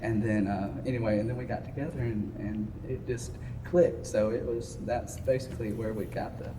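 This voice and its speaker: A polite young Southern man of about twenty, answering questions in an easy, halting way full of little fillers. He sits away from the mic in a roomy, echoing space. Steady noise runs under his voice. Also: on the low side. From Alabama, US. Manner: polite, many fillers, says yes sir. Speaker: gospel singer guest. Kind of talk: casual interview answers. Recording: echoey, distant, background noise.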